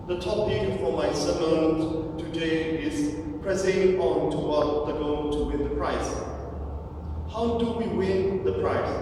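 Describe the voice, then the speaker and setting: Slow careful guy from burma preaching, far off mic, big echoey church, some noise. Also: high voice. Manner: slow, measured delivery with frequent uh fillers. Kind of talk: sermon. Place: church sanctuary.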